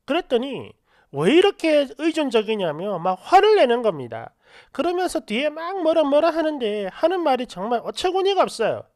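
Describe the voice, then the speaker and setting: A woman with a high-sitting voice tells a first-person story straight to the listener, sounding animated and aggrieved. She talks at a moderate pace, and the clean studio recording has no room sound.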